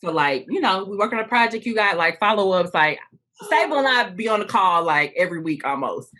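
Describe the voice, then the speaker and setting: Woman guest, lively swooping pitch, bright tone, expressive and chatty. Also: fairly quick. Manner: expressive, laughing, calls out to the audience. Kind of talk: casual interview chat.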